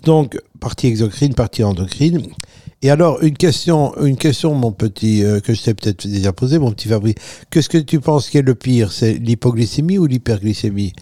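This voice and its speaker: Mellow-voiced man with an Italian accent. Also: mid-range voice, animated, normal speed, no echo, studio quality. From Italy. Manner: joking, drops Italian words into French. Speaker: nutrition expert guest. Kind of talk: radio chat, explaining health topics.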